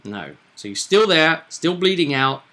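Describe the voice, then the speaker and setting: A man with a bright, forward voice pitched a little high runs a tabletop roleplaying game as game master. He's very animated yet unhurried, explaining things casually and conversationally while tossing in little tag questions to seek agreement.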